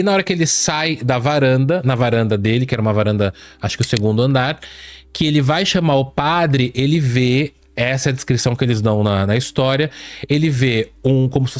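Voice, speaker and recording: A man hosting a podcast, retelling eerie accounts in a casual, animated way and dropping his voice low for the spooky quotes. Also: brisk, dry recording. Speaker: podcast host. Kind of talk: casual storytelling chat.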